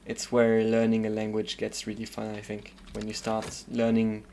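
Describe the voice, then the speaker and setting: With a completely flat delivery and a fairly low, slightly mellow voice, a streamer from the southern suburbs of Paris talks at a moderate pace. He has a French accent and comments casually while gaming, musing aloud with many hesitant fillers, and a little hiss or hum is audible.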